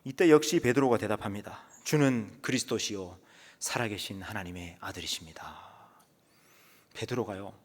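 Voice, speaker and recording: This pastor's medium-pitched, darkish voice fills a church sanctuary as he preaches with dramatic storytelling. Many phrases drift off into a whisper, and the recording has long church reverb.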